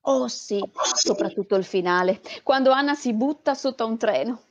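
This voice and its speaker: Brief: dreamy aloof older lady, read by a woman, drawn-out words, muffled recording. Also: on the high side, close to an everyday voice. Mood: breezy. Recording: dull lo-fi audio.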